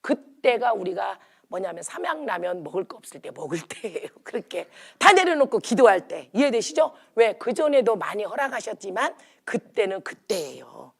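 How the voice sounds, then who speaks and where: A woman's voice: moderate pace, creaky, breathy edge. Emphatic woman pastor preaching. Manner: emphatic, animated, swings between loud calls and low asides. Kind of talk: sermon with sung hymn lines. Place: prayer retreat chapel.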